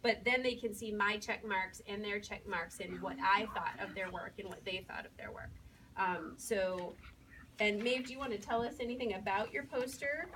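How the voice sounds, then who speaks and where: A first-grade teacher presents her students' work to an audience, explaining it informally, step by step. Her voice is medium-pitched and steady at a normal speed, and the distant mic picks up faint room noise.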